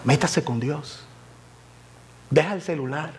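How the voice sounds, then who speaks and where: Fervent preaching man, fairly high voice. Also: slow pace, slight background noise. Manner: fervent, swings from loud exclamations to soft near-whispers. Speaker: evangelist preacher. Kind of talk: sermon. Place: church.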